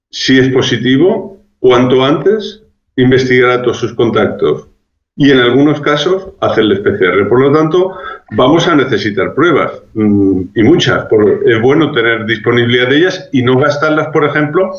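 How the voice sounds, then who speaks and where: A man being interviewed as a public health expert, giving measured, reasoned answers with frequent restarts. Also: mid-range voice, expressive. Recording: roomy, dull lo-fi sound.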